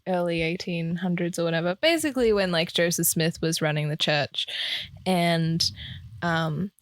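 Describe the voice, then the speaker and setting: A woman's voice: lowish voice, moderate pace, no echo, clean studio sound. A woman co-hosting a podcast in casual chat, rambling with lots of fillers and frequent laughs. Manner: rambling, laughs often, many ums and likes. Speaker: podcast co-host.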